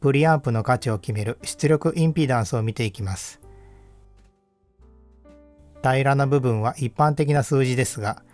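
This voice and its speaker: A man narrates in a calm, measured and explanatory way, reading a scripted technical walkthrough as a voice-over. His pitch sits in the middle of the male range, and faint music plays beneath him. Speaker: audio equipment reviewer.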